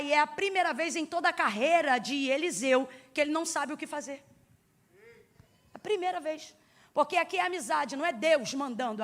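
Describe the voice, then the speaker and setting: Brazilian lady preacher, super high sharp voice, yelling then going quiet, keeps asking the church questions. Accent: Brazilian Portuguese. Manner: emphatic, with rhetorical questions to the congregation; swings between shouted peaks and hushed speech. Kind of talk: sermon.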